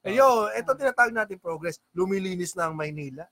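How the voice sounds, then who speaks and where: A man's voice: high voice, expressive, fast, sharp tone. A married man co-hosting a casual podcast, bantering and greeting viewers, often trailing off mid-sentence. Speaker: podcast co-host. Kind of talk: casual chat.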